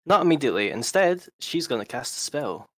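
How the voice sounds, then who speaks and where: A man's voice: mid-range voice, sing-song, brisk, fairly bright tone, dry recording. A man playing a tabletop game, casually describing what his character does. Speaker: player.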